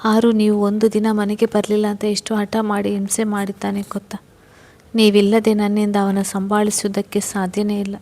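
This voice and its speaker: A woman's voice: medium pitch, completely flat delivery, normal speed, warm tone, natural voice. A woman narrator voicing a distraught young mother who begs through tears. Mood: pleading. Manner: tearful, begging.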